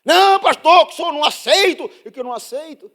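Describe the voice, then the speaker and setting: A man with a Brazilian Portuguese accent voicing a rigid, indignant woman from his congregation, talking in a shrill and insistent way. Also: rapid-fire, mellow, husky. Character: rigid, indignant church sister, adult woman.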